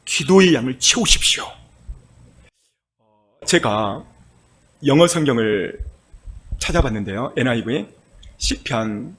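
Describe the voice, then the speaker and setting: A male pastor preaching a sermon with passion, moving from soft, quiet passages to loud cries. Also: fairly high pitch, husky. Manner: impassioned preaching, swinging from soft to shouting.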